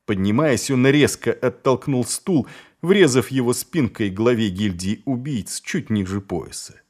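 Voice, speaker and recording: A man narrating an audiobook in a lively, expressive storytelling manner. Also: medium pitch, measured pace. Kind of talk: scripted narration.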